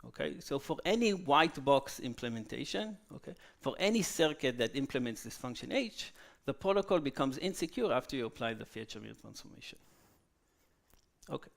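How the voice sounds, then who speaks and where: A man giving a technical conference talk, halting with fillers and checking in with "okay?" after each point. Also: mid-range voice, big pitch swings, vocal fry. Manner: frequent "okay?" tag questions, halting with fillers. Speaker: conference speaker. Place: conference hall.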